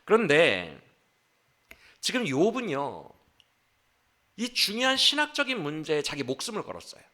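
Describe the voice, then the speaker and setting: Animated pastor with lively pitch. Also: male voice, moderate pace. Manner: animated, acts out quoted speech with shifts of pitch and loudness. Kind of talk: sermon. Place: church.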